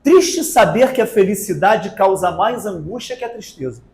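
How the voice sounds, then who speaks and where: A man's voice: high-pitched, animated, moderate pace, darkish tone. A man with a Brazilian accent giving a spiritist talk to an audience, asking rhetorical questions and drawing out words for emphasis. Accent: Brazilian Portuguese. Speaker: spiritist lecturer. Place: spiritist center meeting hall. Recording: echoey hall.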